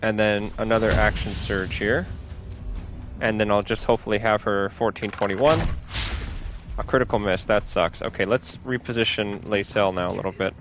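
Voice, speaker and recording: A man's voice: fairly low pitch, fairly even intonation, moderate pace, over music. A man giving casual, upbeat commentary while playing a game, thinking aloud about each move. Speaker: gameplay streamer.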